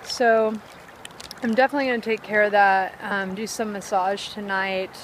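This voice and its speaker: A woman chatting casually to her vlog viewers outdoors by a river, upbeat and excitable, with lots of "like" and "um" fillers. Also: mid-range voice, normal speed, slight background noise, low-quality recording. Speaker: vlogger.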